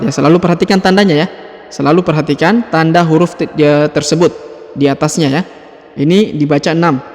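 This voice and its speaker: A man's voice: fairly high pitch, long reverb tail. A man teaching Quran reading step by step, patiently explaining each letter and drawing out its length. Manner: patient, explains slowly, ends phrases with "ya"; draws out letter names in chanted recitation. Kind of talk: step-by-step recitation lesson.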